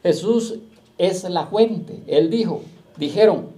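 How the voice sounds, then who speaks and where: A man pastor preaching a sermon, firing rhetorical questions at the congregation and slowing down to quote scripture. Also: sits high, warm tone.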